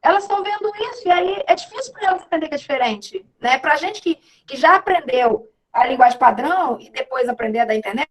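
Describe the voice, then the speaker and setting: Woman teacher, high-pitched, relaxed chatty delivery on a video call class. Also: fairly quick, few pauses, low-quality recording. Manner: casual, chatty, checks in with students. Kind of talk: online class lecture.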